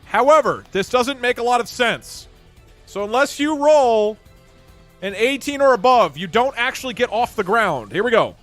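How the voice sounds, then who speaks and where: A man narrating a tabletop fantasy game as game master, with lively, incredulous asides. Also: very high voice, moderate pace, faint music behind.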